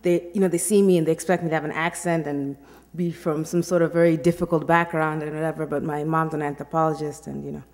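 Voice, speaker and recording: Young woman from kenya by way of nyc, kinda low voice, thoughtful question, echoey hall. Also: level tone, quick pace, few pauses, darkish tone. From Kenya, raised in New York. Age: young adult. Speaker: audience member asking a question. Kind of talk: public Q&A question. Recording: reverberant hall.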